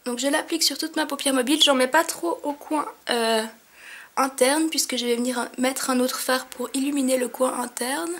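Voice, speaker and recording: A young woman, sniffling from a cold, chats through a makeup tutorial for her beauty vlog at home in front of a mirror, using many fillers. Her voice sits high with a fairly bright tone and a moderate pace.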